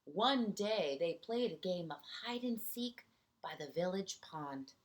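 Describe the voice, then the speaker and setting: A woman reads a picture book aloud to kindergarteners at a slow, measured pace, her pitch rising and falling in a lively way. Expressive throughout, she pauses the story to point out small details and ask the children questions.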